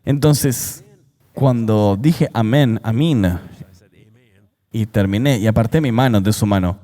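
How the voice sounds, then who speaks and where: A man's voice: fairly low pitch, slow, mellow, long reverb tail. A man giving an earnest, emphatic testimony as an interview guest, dubbed into the language of the show.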